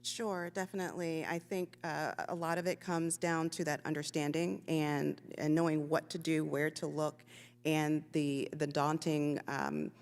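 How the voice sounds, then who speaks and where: A woman's voice: deep voice, steady tone, measured pace, darkish tone, long reverb tail. A woman witness testifying at a hearing, hesitant and searching for her words.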